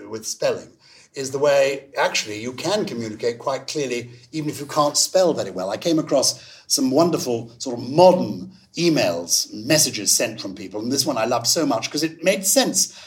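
Animated male podcast host. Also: mid-range voice, brisk. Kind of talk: lively conversational chat.

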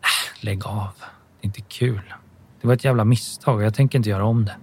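Guarded teenage boy in an audiobook, read by a man, low and husky. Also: steady tone.

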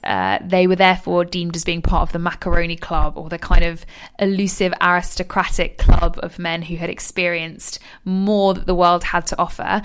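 A woman's voice: on the low side, a bit bright. A woman presenting a radio talk on art history, chatty and informal. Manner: chatty and informal, with small laughs.

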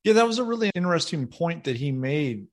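A man's voice: fairly high pitch, very animated, fast talker. A man talking conversationally as a podcast co-host. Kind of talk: conversational discussion.

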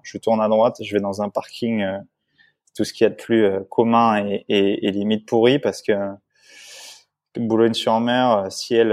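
Un homme à la voix plutôt grave raconte son histoire avec franchise, comme invité d'un entretien décontracté. Il hésite, se reprend souvent et interpelle son interlocuteur avec des « tu vois ». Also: male voice, lowish voice, a little mellow. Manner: rambling, many restarts and fillers, frequent "tu vois"; emotional, candid recounting. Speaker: interview guest. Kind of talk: casual storytelling in conversation.

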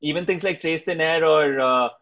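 Higher-pitched man moderating a chat. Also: moderate pace, phone-quality sound, a crowd in the background. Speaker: podcast host and moderator.

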